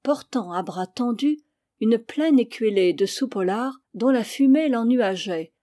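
A woman narrates a story in a measured, expressive reading voice. Her tone is dark and mellow. The recording is close and dry. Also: fairly high pitch, no room sound. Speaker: reader. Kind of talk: audiobook narration.

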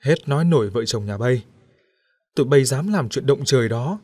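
A male narrator gives voice to a stern elderly villager in an audiobook, blunt and reproachful. The voice sits at an ordinary middle pitch with no heavy disguise. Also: lively intonation, a little fast, a little mellow, husky, no room sound. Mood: scolding.

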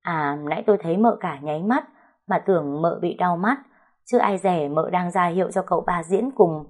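A woman narrating a story in a lively, gossipy way. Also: on the low side, normal speed.

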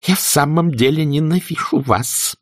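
A man's voice: fairly high pitch, moderate pace, no echo, clean studio sound, voice pushed up. A man voicing a cold, hateful spinster who speaks with icy contempt and trembling anger. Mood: trembling rage.

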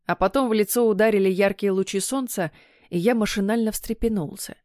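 A woman reading a romance audiobook in measured first-person narration. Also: medium pitch, a little mellow, no room sound, studio quality.

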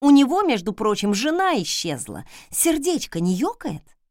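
A woman narrates a story in a bright, animated voice that rises and falls a lot. The sound is close and dry, with no room around it. She reads steadily and slips into the characters' voices. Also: a little high, moderate pace, dry recording. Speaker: audiobook narrator. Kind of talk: first-person audiobook narration with acted dialogue.

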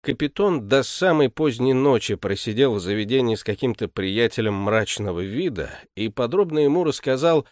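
A man narrating a classic story as an audiobook reader, expressive and unhurried. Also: medium pitch, no echo, studio quality. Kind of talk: literary narration.

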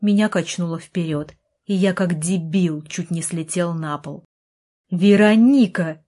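A woman narrating an audiobook in a steady storytelling voice. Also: lowish voice, a little slow. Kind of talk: scripted narration.

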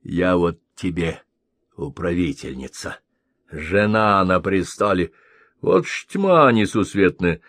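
A man's voice: deep voice, animated, slow pace, fairly bright tone, no echo, full character voice. A man voicing a stern old male sage who scolds and grumbles, in an audiobook reading. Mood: scolding.

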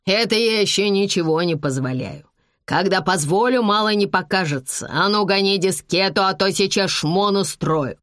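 A woman reading aloud and voicing a rude, menacing male thug who shouts drawn-out threats. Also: medium pitch, dry recording, studio quality, natural voice. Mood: threatening.

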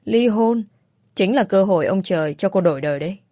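A woman's voice: mid-range voice, expressive, a little fast, warm tone, no room sound, clean studio sound, natural voice. A woman voicing a self-assured young man who teases the heroine. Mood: teasing.

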